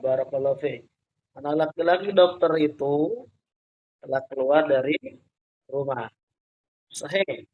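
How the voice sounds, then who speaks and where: A man's voice: a little high, low-quality recording. A man teaching an online Arabic grammar class, patiently explaining step by step and calling on students by name. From Indonesia.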